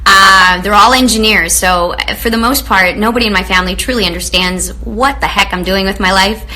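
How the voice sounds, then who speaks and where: Speaking briskly at a medium pitch on a low-quality recording, a Romanian woman hosts a live online chat. She greets her viewers warmly and gushes, sprinkling in many fillers.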